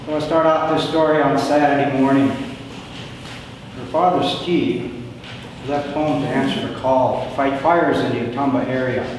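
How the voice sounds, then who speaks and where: An older man giving a prepared talk of family history to an audience, in a plain, measured storytelling way with pauses. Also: medium pitch, fairly even intonation. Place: large echoing indoor hall. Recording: very echoey hall, distant mic, background noise.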